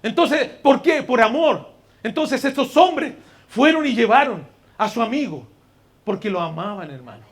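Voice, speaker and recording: High-voiced pastor preaching with fervor. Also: male voice, lively intonation, moderate pace. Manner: swings from soft, intimate asides to loud, shouted exhortation; addresses listeners directly as brother and dear one. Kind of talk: sermon. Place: church.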